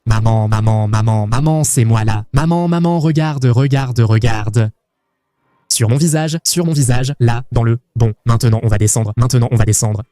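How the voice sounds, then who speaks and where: A man from Argentina hosting a travel vlog, talking in an excitable, playful, jokey way. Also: mid-range voice, no room sound. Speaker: travel vlogger host.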